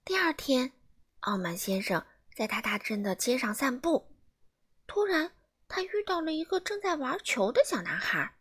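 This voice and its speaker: Animated woman reading a children's story. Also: sits high, moderate pace, breathy edge. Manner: animated, asks listeners questions.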